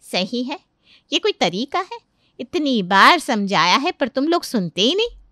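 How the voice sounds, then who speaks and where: Woman voicing a bright, fussy mother-in-law. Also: high-pitched, big pitch swings, measured pace, no echo, clean studio sound, full character voice. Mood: exasperated. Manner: complaining, exasperated scolding. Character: fussy exasperated middle-aged mother-in-law. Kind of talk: cartoon voice acting.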